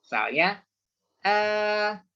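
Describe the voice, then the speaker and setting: A man teaching a beginners' Mandarin class online, explaining patiently and slowing down to repeat examples. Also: high voice, very animated, bright, forceful tone, smooth, faint music behind. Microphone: video call. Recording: muffled video call audio.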